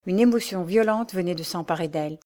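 A woman narrating a classic novel as an audiobook, with a steady, expressive storytelling manner. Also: lowish voice, fairly quick.

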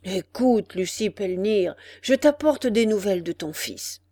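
A woman voicing a sinister little demon man with a hoarse, muffled, mocking voice in a storybook reading. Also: mid-range voice, lively intonation, unhurried, warm tone, no room sound, clean studio sound. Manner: mocking and menacing.

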